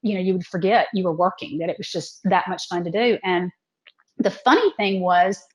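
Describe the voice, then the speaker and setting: A woman's voice: on the low side, fairly quick, rough recording. A woman, telling her story in a casual interview and acting out quoted lines. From South Georgia, USA. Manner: lively storyteller who acts out quoted lines. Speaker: TV cooking show host, guest.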